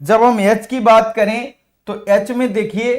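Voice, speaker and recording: A man's voice: sits high, steady tone, unhurried, reverberant. A male teacher explaining grammar to students in a classroom, calling them "beta" and patiently walking through examples.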